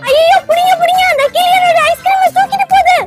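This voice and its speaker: A woman's voice: extremely high pitch, a little fast, loud music behind the voice. Woman doing a whiny cartoon girl. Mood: pleading. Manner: whiny, pleading. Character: excitable, easily scared little girl.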